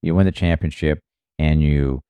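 This podcast co-host, who once worked on a racing team, talks motor racing in a loose, meandering way, leaning heavily on fillers like "you know." His voice is a warm, smooth, rumbling low with fairly even intonation at normal speed. It's a dry recording.

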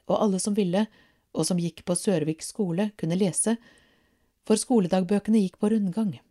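Brief: calm storybook reader, woman with a low, mellow voice. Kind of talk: storybook reading.

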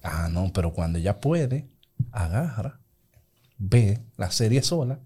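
A man, co-hosting a podcast and trading animated complaint anecdotes. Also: fairly low pitch, measured pace, breathy edge. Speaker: podcast co-host. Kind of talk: casual chat.

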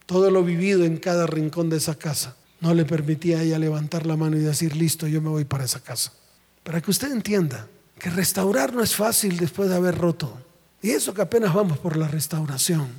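A man's voice: sits high, a little mellow, slightly rough. A man, a pastor preaching a sermon and calling out questions for the congregation to answer. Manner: preaching with call-and-response questions and acted quotes. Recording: long reverb of a large hall.

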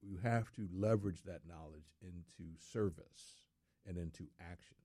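Man, very deep voice, mellow tone, earnest, emphatic, dry sound. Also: normal speed, dry recording. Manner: earnest, emphatic, repeats words for stress. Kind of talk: casual studio talk.

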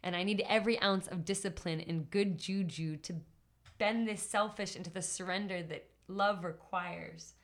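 A woman poet, a guest on a podcast, chatting and then reciting her own spoken word poetry in an expressive, rhythmic way. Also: lowish voice, moderate pace.

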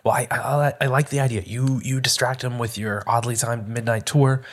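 Quick-talking male player, raspy, tripping over words. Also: mid-range voice, steady tone. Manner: stammering, rushed. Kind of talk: casual game chat.

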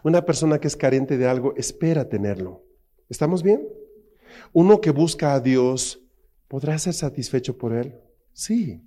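A man's voice: mid-range voice, moderate pace. A middle-aged man with a Mexican Spanish accent, preaching a sermon with jokes and rhetorical questions to the congregation. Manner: animated, jokey, acts out quotes in funny voices; asks the crowd constant rhetorical questions. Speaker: pastor.

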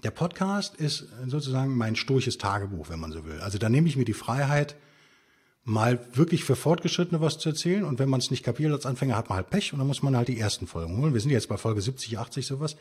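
A man's voice: mid-range voice, lively intonation, quick pace, slightly rough. A man, a guest author, explaining ideas in an emphatic, conversational interview style with rhetorical questions. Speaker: podcast guest, stoicism author.

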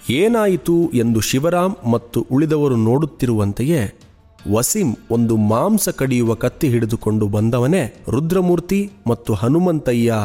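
A man narrating a true-crime podcast in a measured, steady storytelling voice. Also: mid-range voice.

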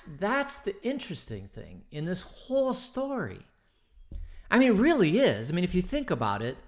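A man's voice: a little high, a bit bright. A man leading an informal Bible study, talking it through conversationally with fillers and restarts, and acting out the characters' lines as he retells the story. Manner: conversational, thinking aloud with many fillers and restarts; acts out the characters' lines in quoted voices. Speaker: Bible teacher.

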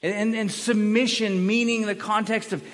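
Speaking at a moderate pace, a middle-aged pastor with a high-pitched, steady, slightly bright voice preaches a conversational sermon. Earnest in his explanations, he frequently repeats and restarts words before a congregation in a large room, recorded with long hall reverb.

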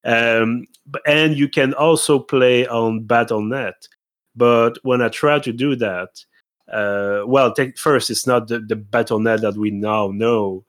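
A man co-hosting a podcast in casual chat, thinking aloud with frequent pauses. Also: medium pitch, fairly even intonation. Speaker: podcast co-host.

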